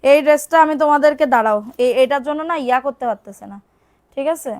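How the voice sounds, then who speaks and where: A woman selling clothes on a live stream, repeating prices and urging viewers to order quickly, and sometimes scolding commenters. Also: high voice. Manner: brisk, repetitive, urging buyers to order fast. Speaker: online clothing seller. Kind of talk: live-stream sales pitch.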